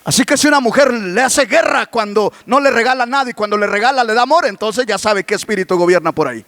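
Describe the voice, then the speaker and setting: A male pastor preaches a sermon, asking the congregation rhetorical questions and breaking into shouts. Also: high voice, fast, no echo.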